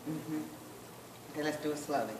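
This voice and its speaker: A woman instructor coaching a group rehearsal, encouraging them and slowly repeating phrases as she demonstrates. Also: low voice, reverberant, far from the mic, noisy background. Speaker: sign language dance instructor.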